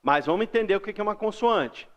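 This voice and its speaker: Brazilian male teacher, fairly high voice, patient lesson delivery that stretches out example words. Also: expressive, muffled recording. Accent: Brazilian Portuguese. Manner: patient, drawn-out example words, frequent "ó" and "beleza?". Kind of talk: recorded school lesson for kids.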